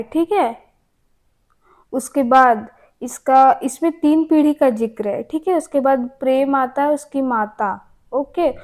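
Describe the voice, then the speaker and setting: Chatty high-voiced woman teaching exam notes. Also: darkish tone. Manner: chatty, keeps asking and answering her own questions. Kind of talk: casual exam-prep lecture.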